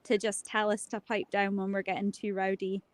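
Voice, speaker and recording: A woman's voice: medium pitch, level tone, fairly quick, crowd noise. A woman on a video call, chatting casually in a jokey, laughing way on a livestream panel. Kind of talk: casual chat.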